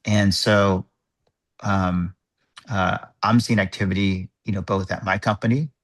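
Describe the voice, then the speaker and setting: Over a video call microphone, a man with a deep, steady voice chairs an online work group meeting. He thinks aloud in a halting, measured way.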